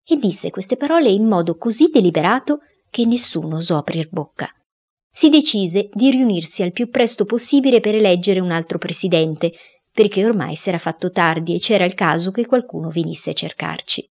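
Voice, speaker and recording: A woman narrating a storybook in a steady, expressive reading voice. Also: mid-range voice, normal speed. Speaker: audiobook narrator.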